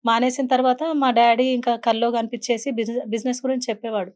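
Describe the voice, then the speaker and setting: A woman speaking as a talk-show guest, telling her own story in an earnest way. Her voice sits a little high, and her words come quickly. She often slips English words into her speech. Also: level tone, a little mellow. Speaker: interview guest. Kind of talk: emotional personal storytelling in an interview.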